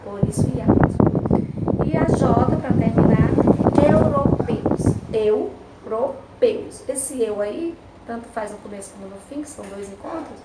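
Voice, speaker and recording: Brazilian woman teacher, patient, echoey room. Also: on the high side. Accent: Brazilian Portuguese. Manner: patient, checks in with tag questions, spells out syllables slowly. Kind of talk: remote class lesson, explaining grammar exercises. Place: home room, recorded for a remote class. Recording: roomy, distant home recording with loud background noise.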